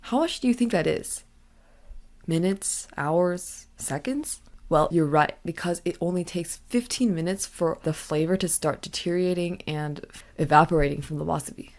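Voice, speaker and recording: A woman's voice: lowish voice, moderate pace, darkish tone. A woman hosting a casual language lesson podcast, explaining in a chatty way with fillers and asides. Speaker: podcast host.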